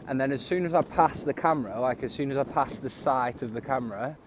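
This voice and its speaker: A man's voice: medium pitch, fast. A man chatting casually as he vlogs a night bike ride outdoors, rambling with lots of fillers. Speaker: cycling vlogger. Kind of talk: casual vlog narration while riding. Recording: windy outdoor phone recording. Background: wind noise.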